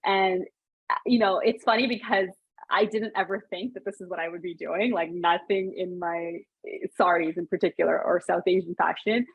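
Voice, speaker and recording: Speaking at a moderate pace in a low, husky, steady voice, this Sri Lankan-born, Canadian-raised business founder in her thirties is a guest on a podcast. Her casual interview talk is full of fillers and restarts, heard over phone-quality audio without echo.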